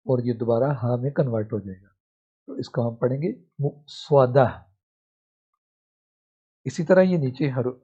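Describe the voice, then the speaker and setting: Syllable by syllable, a man guides a Quran reading lesson, then blends the sounds. His medium-pitched voice is slightly rough, and the recording is muffled and lo-fi.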